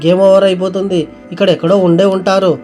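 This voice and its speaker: A man narrating gameplay in an excitable way, with many exclamations. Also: high voice, brisk, soft background music.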